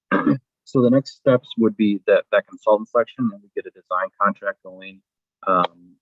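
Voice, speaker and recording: A man's voice: low-pitched, dry recording, narrow, tinny audio. A man on a video call explaining project steps in a careful, explanatory way with many fillers, his audio fading and dropping out unevenly. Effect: choppy video-call audio with the volume fading and cutting out. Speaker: airport project consultant. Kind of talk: explaining at a public meeting.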